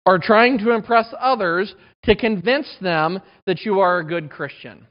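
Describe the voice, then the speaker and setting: A man's voice: high-pitched, unhurried. A man in his thirties preaching a sermon in a conversational, self-deprecating way. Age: 30s. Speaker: pastor. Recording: dull lo-fi recording.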